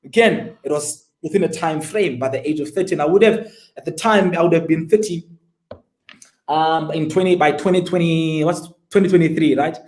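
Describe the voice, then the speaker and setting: A man in his twenties tells his story as an interview guest, with a fairly high voice. He speaks emphatically and keeps throwing rhetorical questions at the listener. The room around him rings with echo. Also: moderate pace, darkish tone. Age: 20s. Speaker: guest entrepreneur.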